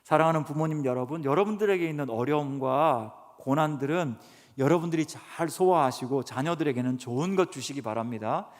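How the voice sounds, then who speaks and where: A man's voice: fairly high pitch, a little fast. A man giving an earnest sermon lecture to a church congregation, often putting questions to the listeners. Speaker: guest speaker professor. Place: church sanctuary. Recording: reverberant church hall.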